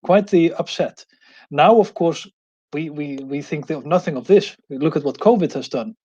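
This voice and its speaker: Icelandic-born male professor, mellow tone, muffled video-call sound. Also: fairly high pitch, moderate pace, breathy edge. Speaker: guest professor. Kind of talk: academic presentation.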